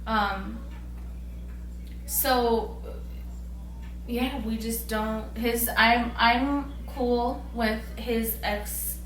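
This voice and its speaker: A woman's voice: on the high side, fairly even intonation, very slow, long pauses. A tipsy young woman chatting casually as she answers viewer questions in a vlog. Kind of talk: casual couple Q&A chat. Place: bedroom. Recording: roomy, distant mic, background hiss.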